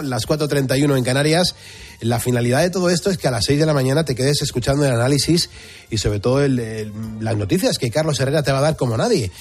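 A man hosting an early-morning radio show, talking in a chatty, friendly way. His voice is a little husky and sits at a middle pitch. Soft music runs faintly under it. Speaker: radio host.

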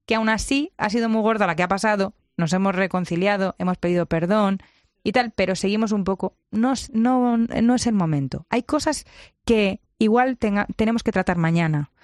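Mujer de españa, experta en crianza, enfática, tono medio. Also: female voice, mid-range voice, moderate pace, no echo, studio quality. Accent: Spain Spanish. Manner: lively, emphatic, acts out quotes. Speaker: parenting guest expert. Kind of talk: conversational advice.

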